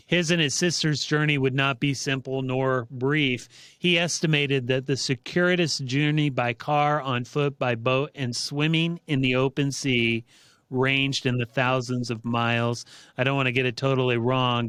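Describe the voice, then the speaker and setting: A man hosting a podcast, telling a story in an earnest, measured way before introducing his guest. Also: mid-range voice, a bit bright, smooth, no room sound. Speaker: podcast host. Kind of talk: reflective monologue and interview intro.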